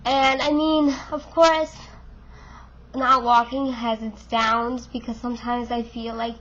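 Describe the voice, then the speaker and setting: Slow and flat in delivery, a woman in her twenties vlogs to camera in a frank, chatty manner thick with fillers. Her voice is fairly high and a bit bright, strained by congestion and a voice she keeps losing. The audio is dull, with slight background noise.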